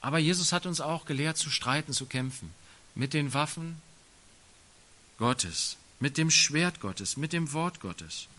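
Guy preaching a sermon, bright ringing voice, emphatic, chatty asides. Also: on the high side, expressive, a little slow. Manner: emphatic, colloquial asides with tag questions.

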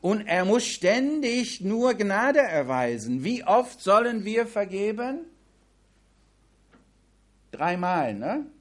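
A man's voice: high voice, big pitch swings, slow, pauses often. A man giving a Bible study sermon, reading scripture aloud and then commenting on it in a conversational way. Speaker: preacher.

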